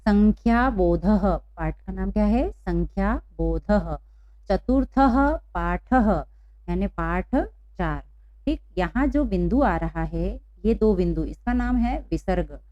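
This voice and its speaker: A woman's voice: lowish voice, lively intonation, unhurried, warm tone, no echo. Patient woman teaching a children's class. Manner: patient, asks and repeats questions. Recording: dull, dry lo-fi recording.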